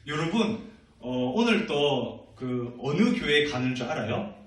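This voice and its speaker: Playful pastor, lively pitch, echoey hall. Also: male voice, slow pace. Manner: playful, asks the youth questions, laughs often. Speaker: senior pastor. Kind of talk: youth sermon. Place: church hall. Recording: echoey room, from a distant mic.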